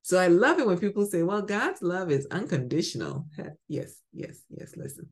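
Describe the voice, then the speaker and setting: A Ghanaian podcast host gives a spoken devotional teaching at a moderate pace, her fairly low voice sing-song. She's emphatic, going from bright exclamations to soft murmurs.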